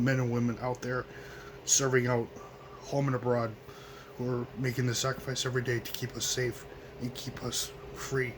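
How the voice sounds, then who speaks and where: A hoarse, coughing American man in his twenties hosts his own home radio show, delivering a solemn remembrance monologue in a halting, earnest way full of ums and restarts. His voice is mid-range, and the background is noisy.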